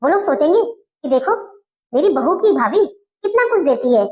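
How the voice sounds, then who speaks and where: Woman playing a bossy scheming saas, very high voice, scolds and whines, comedy skit. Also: sing-song, moderate pace, darkish tone, a little hiss or hum. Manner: bossy, scolding, tearful complaining. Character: domineering scheming mother-in-law.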